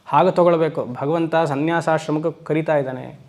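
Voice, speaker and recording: A swami teaching Vedanta to a class. He keeps putting questions to his listeners and slows down for emphatic English phrases. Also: fairly high pitch, steady tone, a little mellow. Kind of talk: spiritual lecture to a class. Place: lecture hall.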